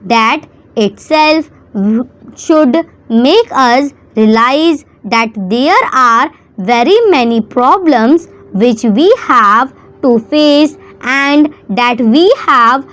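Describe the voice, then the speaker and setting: A woman reading a prepared formal text as slow school dictation for shorthand practice, in measured, deliberate phrases with pauses. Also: sits high. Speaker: dictation reader for stenography practice.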